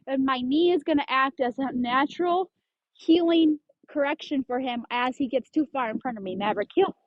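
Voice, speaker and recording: A woman's voice: sits high, dry recording, muffled recording. A woman dog trainer explaining leash handling step by step, giving firm short commands to a dog. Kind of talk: instructional demonstration.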